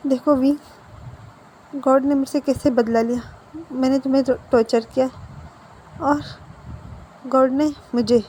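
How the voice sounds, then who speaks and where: A woman's voice: high voice, fairly even intonation, unhurried, long pauses, mellow, a little hiss or hum, rough recording. A woman doing a stern mafia boss man. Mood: remorseful. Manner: stern, commanding.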